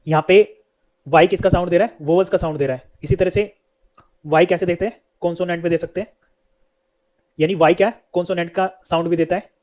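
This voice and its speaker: In an English lesson, a man with a fairly high, mellow, soft-edged voice poses a question and then answers it himself, keeping a steady pace. The recording sounds dull and lo-fi.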